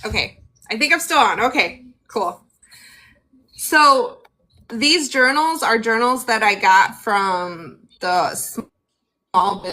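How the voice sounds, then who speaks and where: Guest slot: bubbly woman, bright lively voice, phone video call. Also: a little high, low-quality recording. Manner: bubbly, enthusiastic, laughs often. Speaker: guest artist. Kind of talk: casual video-call chat. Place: moving from indoors to outdoors.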